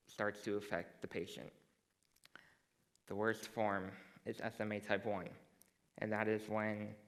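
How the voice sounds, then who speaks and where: A teenage boy giving a prepared stage talk to a school audience, measured and dry, with a self-deprecating sense of humor. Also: lowish voice, fairly bright tone, poor audio. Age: teens. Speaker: student speaker.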